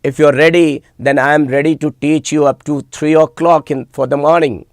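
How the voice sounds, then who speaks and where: A man's voice: on the high side, steady tone, moderate pace, no echo, studio quality. A man with an Indian accent chatting informally with students as an online teacher, emphatically repeating words and phrases. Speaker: online teacher hosting a live class. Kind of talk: informal live-stream chat with students.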